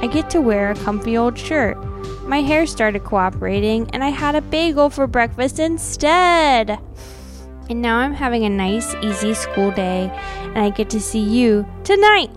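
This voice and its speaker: A podcast co-host with a fairly high, expressive voice chats casually at a measured pace, often saying "like" and "you know," and gives dramatic readings of old notes. Music plays in the background.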